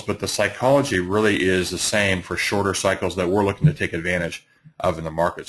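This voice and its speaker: Presenting a live webinar, this middle-aged man teaches trading with a very deep, somewhat bright voice roughened by allergies. His speech stumbles along with plenty of fillers and false starts.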